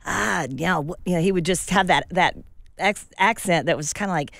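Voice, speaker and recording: A woman voice actor chatting as a guest in a casual interview, animated and full of restarts. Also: on the low side, normal speed, creaky, no room sound, clean studio sound.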